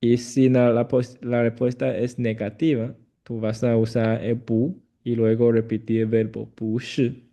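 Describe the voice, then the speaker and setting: Slow, gravelly-voiced male Chinese tutor. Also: mid-range voice, little pitch movement. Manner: slow, repeats phrases, gentle corrections. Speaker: Chinese teacher. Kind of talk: patient one-on-one language lesson.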